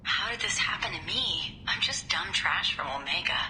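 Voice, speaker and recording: A woman's voice: lowish voice, animated, moderate pace, faint music behind. A woman playing an infatuated, insecure young artist confiding her diary dreamily in a game. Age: young adult. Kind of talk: game voice acting, recorded diary monologue. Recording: echoey, bright holo-recording with faint noise.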